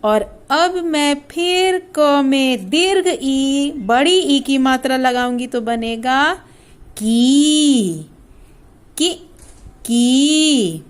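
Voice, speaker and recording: A woman teacher with a Bihari Hindi accent gives a primary school lesson on the Hindi alphabet. She sounds out each letter slowly and asks the children questions, then answers them herself. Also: high-pitched. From India.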